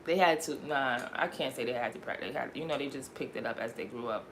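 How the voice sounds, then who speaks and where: A woman's voice: rumbling low, fast talker, slight background noise. A young woman raised in Connecticut, chatting casually on her livestream in a rambling, slangy way and laughing often. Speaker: livestream host.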